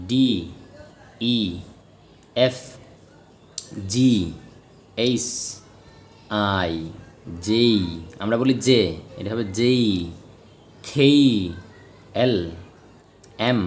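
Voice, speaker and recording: Guy teaching english basics, asks himself questions then answers, some light hiss behind. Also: medium pitch. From Bangladesh. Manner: explains step by step, asks and answers own questions. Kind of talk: spoken grammar lesson.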